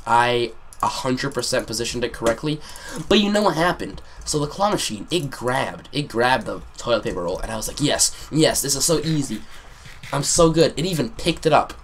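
A teenage boy telling a rambling, sarcastic storytime over his gameplay, with sudden excited yelps. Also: medium pitch, slight background noise. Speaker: gaming commentator. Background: keyboard clicks and typing.

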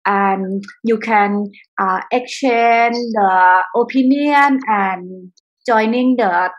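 Husky-voiced woman. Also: a little high, lo-fi sound. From Thailand. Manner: halting, with frequent "uh" pauses. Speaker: podcast guest. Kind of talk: casual interview answers.

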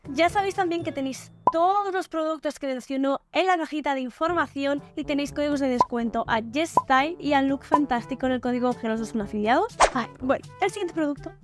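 High-voiced chatty woman. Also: brisk, few pauses. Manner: chatty and gushing, with playful slang. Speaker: beauty vlogger. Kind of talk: casual product review vlog.

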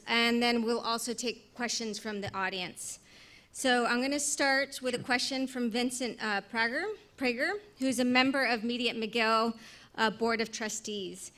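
A woman hosts the question session with a bright, high-set voice. She sounds upbeat and eager as she moves things along. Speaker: moderator. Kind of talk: hosting a Q&A.

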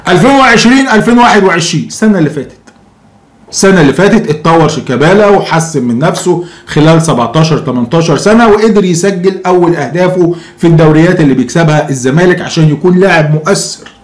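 A man's voice: a little high, lively intonation, racing. A man in his thirties with an Egyptian accent, giving opinionated football commentary to camera in a sarcastic, mocking way with rhetorical questions. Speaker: football fan commentator and host.

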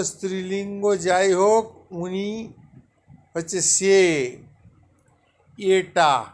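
Slow, drilling male language teacher. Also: high voice. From West Bengal. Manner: repeats each word slowly and deliberately for learners. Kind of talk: slow spoken language lesson.

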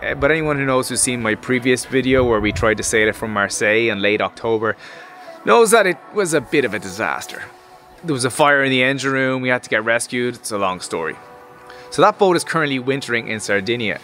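A man's voice: mid-range voice, expressive, fairly quick, sharp tone, faint music behind. A man, talking through a sailing vlog in a casual, conversational way, gesturing as he explains. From Ireland. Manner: conversational, gestures while explaining, fillers like "like" and "you know". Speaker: sailing vlogger. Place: outdoors by a stone wall.

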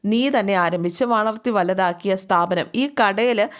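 A woman's voice: medium pitch, unhurried, lightly acted. A woman voicing an older male shopkeeper who questions and scolds bluntly. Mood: scolding. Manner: brusque, scolding.

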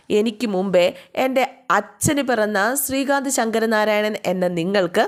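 A woman's voice: medium pitch, natural voice. A woman voicing a defiant young woman who issues a stern warning.

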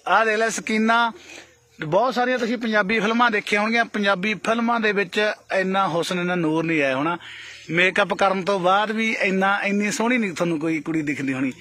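A man with a high, bright voice, chatting and teasing the people he meets. His talk is light and full of jokes. He is recorded outdoors in a field on a handheld camera. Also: a little fast. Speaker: vlogger. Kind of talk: casual chat.

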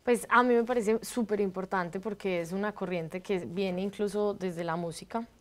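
A woman in her thirties with a Colombian accent from Bogotá appears as a guest, an improv artist, in a TV studio interview, wearing a lapel mic. Her mid-range voice is steady at a normal speed, and she explains things fluently while laughing easily.

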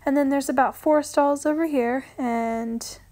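A woman's voice: sits high, fairly even intonation, measured pace, dark tone, rough recording. A young woman chatting casually to her viewers as she films herself on a phone, laughing often. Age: young adult. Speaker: vlogger. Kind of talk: casual vlog. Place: horse barn, partly outdoors in rain. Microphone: phone camera held at arm's length. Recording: phone audio with barn noise.

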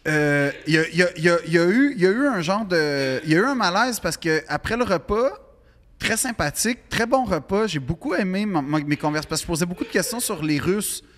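A man's voice: sits high, lively intonation, fairly quick, a bit bright, long reverb tail. A man with a Quebec French accent, a podcast guest telling a long anecdote in a rambling way with many restarts. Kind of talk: casual storytelling.

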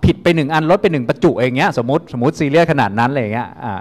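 A man's voice: mid-range voice, very fast. A man teaching a university class, talking casually and repeating instructions to coax students into group work. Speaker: university lecturer. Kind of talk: classroom lecture. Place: lecture hall. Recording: reverberant lecture hall.

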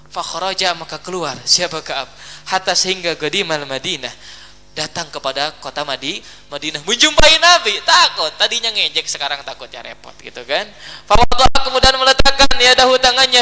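A man teaching a religious text, reading Arabic and explaining it in lively storytelling, often checking that listeners follow. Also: very high-pitched, in a large hall, a little hiss or hum. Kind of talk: kitab study lesson, translating Arabic text line by line.

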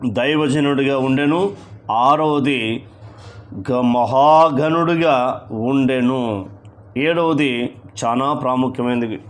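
A man preaching a sermon as a pastor, reading scripture slowly and stressing each point with repeated rhetorical questions and rhythmic lists. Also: mid-range voice.

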